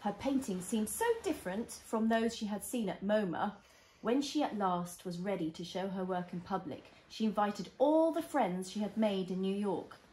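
Mum reading to a toddler, roomy echo. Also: female voice, mid-range voice, normal speed. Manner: reading to a toddler: expressive, simple explanations, prompting questions. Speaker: mother reading a picture book to a child. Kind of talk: reading a storybook aloud to a young child. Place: indoors, small living room at home. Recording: roomy echo of a home room.

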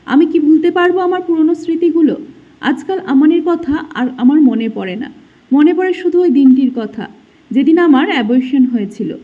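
A woman telling an emotional story in the first person, in soft scripted narration. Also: sits high, moderate pace, narrow, tinny audio.

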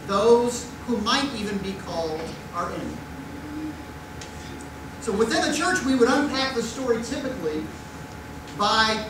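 Middle-aged male pastor preaching in an echoey church. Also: very high-pitched. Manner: conversational preaching with mock voices and pointed rhetorical questions. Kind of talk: sermon. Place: church sanctuary. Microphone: far room mic at a pulpit. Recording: echoey church from far off with noise.

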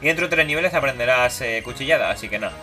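A young man's bright, forceful voice races along with lively intonation as he plays a video game and jokes around for his YouTube audience. He voices characters in squeaky, silly tones over the game music.

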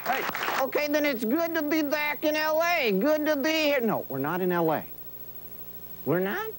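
A man's voice: very high voice, lively intonation, normal speed, fairly bright tone, some chatter behind, pitched above the performer's own voice. A man voicing a brash, wisecracking male ventriloquist dummy in a cheeky comedy routine, full of exclamations and heckling. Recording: noisy old TV videotape audio.

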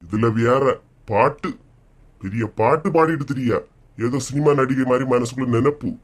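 A man's voice: mid-range voice, moderate pace, natural voice. Brief: a man playing an exasperated Kanyakumari husband who scolds and grumbles, cartoon comedy. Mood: grumbling. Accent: Kanyakumari Tamil. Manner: scolding, gruff.

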